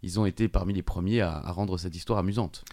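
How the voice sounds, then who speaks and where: A man's voice: sits low, steady tone, fast, mellow, dry recording, studio quality. A French man co-hosting a quiz podcast, reading out answers and background facts in a joking, chatty way. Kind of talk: casual quiz banter.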